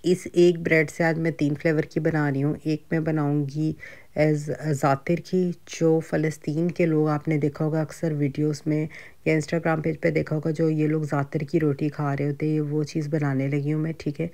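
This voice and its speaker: A home cooking vlogger in middle age, with a Pakistani Urdu accent, speaks at a moderate pace in a low, dark voice with flat delivery. She chats casually about groceries and cooking, conversational and punctuated by frequent fillers and asides.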